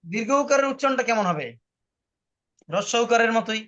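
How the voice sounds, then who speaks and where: A man's voice: very high voice, animated, fairly quick, a bit bright. A man teaching a spoken language lesson, patiently explaining rules and repeating them for his student. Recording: muffled lo-fi online recording.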